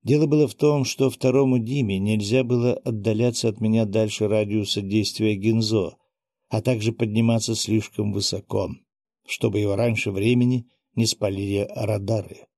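A man narrating a first-person audiobook in a steady, even reading. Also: on the low side, normal speed, dry recording, studio quality.

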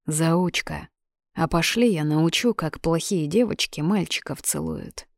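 A woman voicing a cocky, teasing young male student in an audiobook, with a lowish voice and dry sound. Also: a little slow, dry recording. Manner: teasing, bossy.

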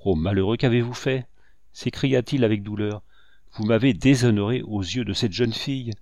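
Brief: male reader voicing a low-voiced, stern commander, anguished but restrained, dry booth sound. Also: steady tone, normal speed, a little mellow, dry recording, close to an everyday voice.

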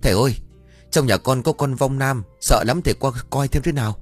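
A man voicing a panicky, cowardly young village husband who shouts and pleads in a high voice. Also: animated, fairly quick, faint music behind. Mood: terrified. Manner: shrill, frantic yelling.

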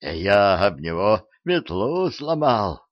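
A male narrator voicing a cowardly skeleton guide who talks in an owl's voice, shrill and yelling, in a dull, dry recording. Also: big pitch swings, slow, no echo. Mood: squabbling. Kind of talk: audiobook character voice.

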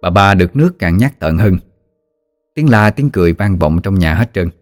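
A man with a Southern Vietnamese accent narrating a ghost story in a lively, folksy storytelling manner. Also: low-pitched, moderate pace, dry recording, soft background music.

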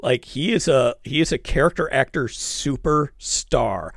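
A man co-hosting a casual movie-review podcast, animated and quick to react. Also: medium pitch, no room sound, studio quality. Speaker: podcast co-host.

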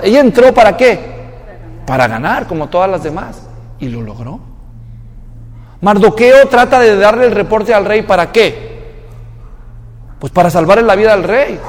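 A man's voice: high voice, gravelly. A man preaching a sermon, often asking the congregation questions and acting out the voices of believers. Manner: asks the congregation questions, acts out quoted believers. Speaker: pastor. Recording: echoey hall.

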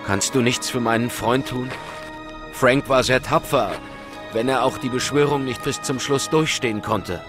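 A man's voice: mid-range voice, normal speed, close to an everyday voice. An actor playing a grave, intense hero who narrates his supernatural ordeal in a horror audio drama. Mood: earnest appeal. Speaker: narrator and protagonist. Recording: loud music behind the voice.

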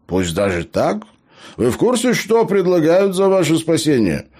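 A man voicing a chatty, scheming male dwarf in an audiobook, with an eager and persuasive manner. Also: moderate pace. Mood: persuading. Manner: eager, persuasive, high excited voice.

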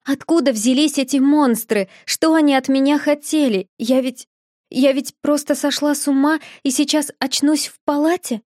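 A woman's voice: high-pitched, fairly even intonation, normal speed, a little mellow, no echo, clean studio sound, pitched above the performer's own voice, natural voice. A woman voicing a shaken, tearful young woman who pleads and asks urgent questions in an audiobook. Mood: distraught.

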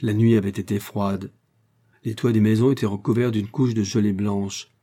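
Male audiobook narrator, measured delivery, low-pitched, dark mellow tone. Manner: steady, measured reading. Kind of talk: scripted narration.

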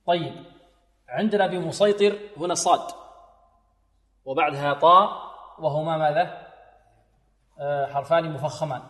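A male Quran recitation teacher giving a tajweed lesson, explaining rules, asking questions and slowly drawing out verses to demonstrate. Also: fairly high pitch, a bit bright. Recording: echoey room with long reverb.

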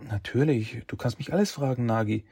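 A man's voice: mid-range voice, a little fast, husky, voice pushed up. A man voicing a kind, caring young woman in an audiobook. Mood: warm. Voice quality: raised, soft voice.

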